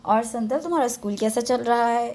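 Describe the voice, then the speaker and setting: A woman playing a vain young woman who fancies herself a drama heroine, every word drawn out with dainty affectation. The tone is soft and mellow, a character out of a storybook. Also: on the high side, fairly quick, a little hiss or hum, close to an everyday voice. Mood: prissy. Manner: prissy and affected.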